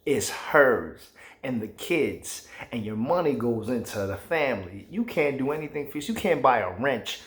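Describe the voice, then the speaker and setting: A man's voice: medium pitch, sing-song, normal speed, a bit bright, roomy sound. A man vlogging, giving his opinions in a casual, emphatic, rambling way with plenty of slang.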